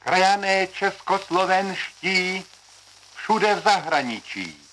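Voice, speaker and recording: A man's voice: high voice, lively intonation, slow pace, sharp tone. Man on an old, noisy radio broadcast. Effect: old archive radio broadcast. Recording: distant, noisy archive radio recording.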